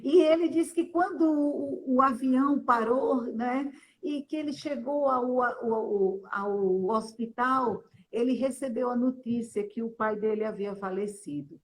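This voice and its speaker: Woman speaker, higher voice, earnest testimony storytelling, faint hiss behind. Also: unhurried, rough recording. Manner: earnest, often ends phrases with a questioning tag.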